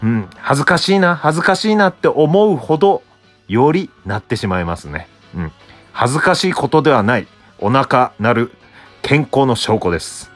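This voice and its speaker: Rambling man with lively pitch. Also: moderate pace, faint music behind. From Hokkaido. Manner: rambling, self-answering with frequent soft "un" fillers. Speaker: podcast host. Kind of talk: solo casual talk.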